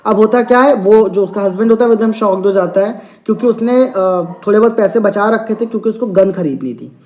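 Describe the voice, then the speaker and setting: A male teacher reads a story aloud slowly and explains it, checking in often with his listeners. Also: sits high, a little hiss or hum. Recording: dull lo-fi sound.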